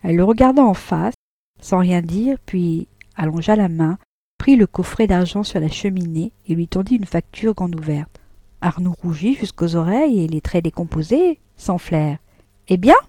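A woman reading a classic novel aloud, measured and subdued in the narration. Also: fairly low pitch, animated, warm tone, no echo.

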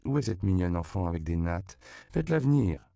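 A man's voice: low-pitched, steady tone, fairly quick, gravelly, mellow, clean tone, no echo, studio quality. A man reading an audiobook, voicing a mysterious, alluring woman who speaks in a coaxing yet imperious way.

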